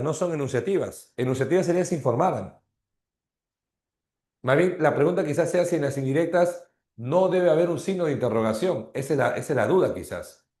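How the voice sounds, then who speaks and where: A male teacher giving a grammar lesson, explaining slowly, repeating terms and checking in with frequent tag questions. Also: fairly high pitch, a little mellow, roomy sound. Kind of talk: online grammar class.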